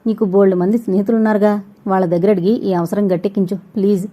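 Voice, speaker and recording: A woman voices a spoiled young wife in a storybook reading. She is sharp, demanding and insulting. The voice has a dark, mellow tone. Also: mid-range voice, fairly even intonation, very fast, natural voice.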